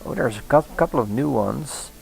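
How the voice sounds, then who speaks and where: A man talking through a game as he plays, rambling and thinking aloud as he goes. His voice sits at a middling pitch with a gravelly, fry-heavy edge. Faint music runs behind him. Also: expressive, normal speed, low-quality recording. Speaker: let's play host. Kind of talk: casual gameplay commentary.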